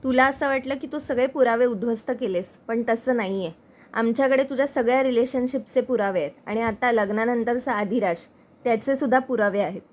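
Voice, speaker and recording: A woman's voice: on the high side, fairly quick, lightly acted. A woman reading the lines of a defiant young woman holding proof, in a plain recap voice.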